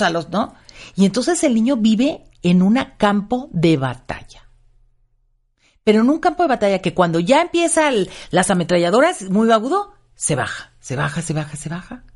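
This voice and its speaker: An older woman, a child psychologist talking as a radio guest, telling stories animatedly and acting out the people she quotes. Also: mid-range voice. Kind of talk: radio interview talk.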